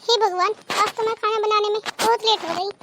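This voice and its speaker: A woman's voice: extremely high pitch, steady tone, brisk, background noise. A woman voicing a nervous young daughter-in-law in a cartoon, who talks politely and worries. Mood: worried. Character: young newlywed daughter-in-law, anxious and eager.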